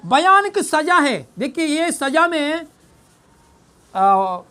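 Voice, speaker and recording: A pastor preaching a Good Friday sermon, questioning the congregation and repeating phrases for emphasis. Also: male voice, extremely high pitch, big pitch swings, drawn-out words, pushed and bright. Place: church service.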